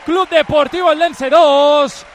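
A man's voice: very high-pitched, steady tone, slow, a faint crowd. A man with a Spanish accent from Spain gives a live radio goal report as a reporter at a football match. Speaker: reporter announcing goals from another match. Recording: very loud background noise at stadium.

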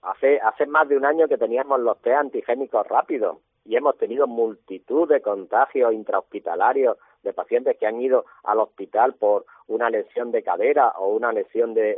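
A husky-voiced man talks about his hospital work over a thin, tinny phone line. He sounds indignant and keeps throwing out pointed rhetorical questions. The line is dry, with no room sound. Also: medium pitch, no echo. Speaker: hospital doctor. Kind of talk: radio phone interview.

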